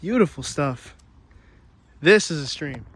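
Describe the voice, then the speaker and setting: A man's voice: on the high side, animated, unhurried, a bit bright, husky. A young man vlogging casually while walking outdoors, out of breath, chatty and easily amazed, joking at his own expense. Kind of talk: casual walk-and-talk vlog. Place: outdoors on a trail and city streets.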